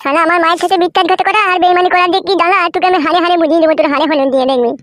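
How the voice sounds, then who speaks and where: A woman's voice: very high voice, fairly even intonation, racing, a bit bright, dry recording, studio quality. A woman acting in a comic family sketch, brash and quarrelsome, with rude insults.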